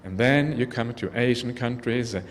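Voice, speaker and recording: Norwegian-born male monk, mid-pitched voice, earnest and reflective, speaking to the audience in a big echoing hall. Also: moderate pace. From Norway. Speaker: Buddhist monk giving a talk. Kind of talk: dharma talk. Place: large convention hall. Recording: long hall reverb, faint background noise.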